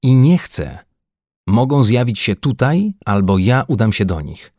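A man's voice: on the low side, normal speed, a little mellow, no echo, studio quality. A man voicing an agitated, frightened Earthman scientist in a science-fiction audiobook, pleading and near-hysterical. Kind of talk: audiobook character voice.

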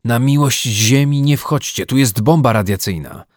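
A man's voice: fairly low pitch, very animated, normal speed, gravelly, no room sound, clean studio sound, full character voice. A man reading the part of a young male student who is shaken and urgent, in an audiobook. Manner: urgent shouting, then breathless and shaken.

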